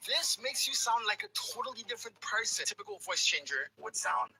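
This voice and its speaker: A man's voice: high-pitched, big pitch swings, a little fast, pushed and bright, distant mic, slight background noise, voice pushed up, full character voice, poor audio. A man speaking through a voice changer filter to show how it sounds. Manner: demonstrating a voice changer.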